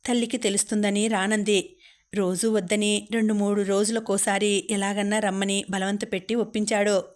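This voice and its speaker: A woman reading a novel aloud as audiobook narrator, in a steady, even manner. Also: medium pitch.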